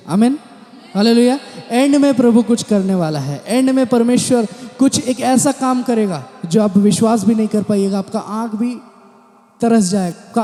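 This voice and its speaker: High-voiced pastor preaching in an echoey hall. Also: male voice, dark tone. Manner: preaching with repeated amen, hallelujah refrains and English words mixed in. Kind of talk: sermon. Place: large church hall. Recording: echoey church hall with long reverb.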